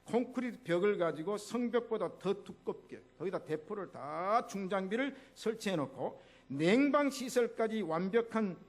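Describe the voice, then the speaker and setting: An older man, a pastor, preaching a lively sermon in church and acting out the voices of people in his stories. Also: high voice, normal speed, hardly any pauses.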